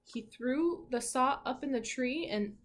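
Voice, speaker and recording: A woman whose voice sits high brings a picture book to life for young listeners as their teacher. She reads expressively and warmly encourages them, breaking off to ask them questions.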